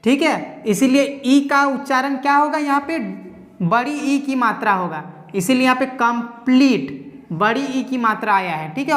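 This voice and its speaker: A woman's voice: sits high, fairly bright tone, in a large hall. A woman teaching English pronunciation at a whiteboard, explaining each rule patiently step by step. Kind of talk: whiteboard lesson.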